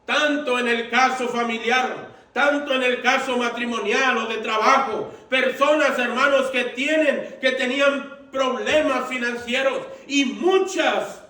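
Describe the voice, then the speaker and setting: A man preaching a sermon as pastor, slow and deliberate, repeating his phrases for emphasis. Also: very high-pitched, sharp tone. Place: church sanctuary. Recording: echoey church room, mic at a distance.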